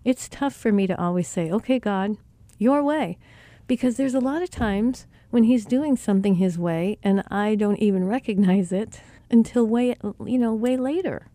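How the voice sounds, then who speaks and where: An earnest woman gives a reflective spiritual talk and retells scripture in her own words. Her voice is mellow and dark-toned. The recording is dry and close, with no room sound. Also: medium pitch, normal speed, no echo.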